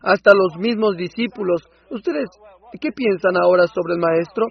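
Male preacher for a sermon dub: high, husky, impassioned, swells into loud outbursts, dull lo-fi sound. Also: moderate pace. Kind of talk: Spanish voice-over of a sermon.

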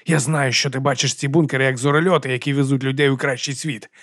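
A man voicing a desperate, hoarse man who accuses and pleads with his old mentor in an audiobook. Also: mid-range voice, fairly even intonation, quick pace, fairly bright tone, no echo, studio quality, natural voice. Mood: demanding. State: hoarse, burning throat. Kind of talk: audiobook character voice.

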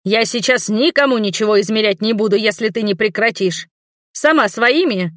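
A woman reading a fantasy audiobook voices a cranky, lecherous old male appraiser who grumbles and snaps in a slow, testy drawl, sounding flustered. Her medium-pitched, slightly bright delivery is lightly acted, and the sound is close and dry with no echo.

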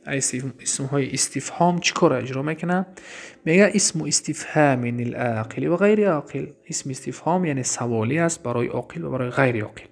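A man with a Tajik accent teaching Arabic grammar in a class, reading each example slowly and then explaining it. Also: mid-range voice, creaky.

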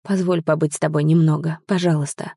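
A woman's voice: deep voice, fairly even intonation, brisk, vocal fry, slightly rough, no room sound, studio quality, heavily acted. A woman reading as a guilt-ridden young lover. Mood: pleading. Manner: soft, pleading, earnest.

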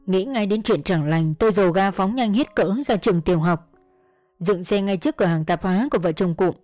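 A woman narrating a first-person story in a steady storytelling manner. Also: mid-range voice, dry recording. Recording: dry close mic, faint music.

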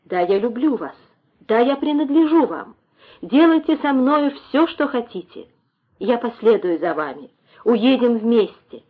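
A woman reading an audiobook, voicing a sorrowful young woman who speaks softly and with restraint. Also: a little high, very animated, a little slow, husky, heavily acted. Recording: tinny phone-like sound.

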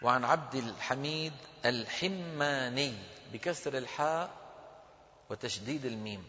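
A man's voice: medium pitch, fast, a bit bright, long reverb tail, muffled recording. A man giving a religious lesson, explaining patiently, quizzing his listeners and correcting their pronunciation. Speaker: religious teacher.

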